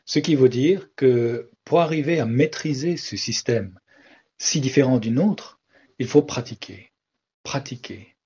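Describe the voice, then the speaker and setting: Slow husky-voiced male teacher. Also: medium pitch, warm tone. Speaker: language teacher. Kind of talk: scripted explanatory narration. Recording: dull lo-fi recording.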